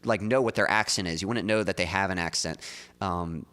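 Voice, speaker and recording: A man's voice: deep voice, fairly quick, a bit bright, clear, resonant tone, in a large hall. A man streaming as a songwriter, talking loosely with lots of "like" and "um" into a studio mic in front of his mouth. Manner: loose and chatty, full of likes and ums. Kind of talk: casual livestream chat.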